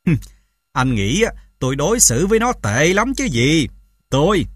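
A man voicing a cruel, drunken mother in an audiobook, shouting in a shrill, sneering way. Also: takes it slowly, dry recording, studio quality, lightly acted. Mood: furious. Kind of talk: audiobook character voice.

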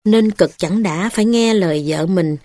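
A woman with a Southern Vietnamese accent reading a novel aloud in a measured, plain manner. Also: medium pitch, mellow, dry recording. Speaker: storyteller.

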